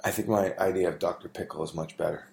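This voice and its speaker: A man with a very low voice hosts a casual chat podcast. He talks in an easygoing, teasing way, often pausing on ums and starting sentences over. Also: fairly even intonation, gravelly, a little mellow, a little hiss or hum. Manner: teasing, easygoing, halting with fillers and restarts. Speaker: podcast host and father.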